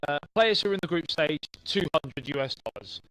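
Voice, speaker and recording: A man's voice: a little high, brisk, low-quality recording. A man commentating on a football video game tournament from a studio, giving play-by-play and lifting his voice on big plays. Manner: lively, rises on big plays. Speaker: esports commentator.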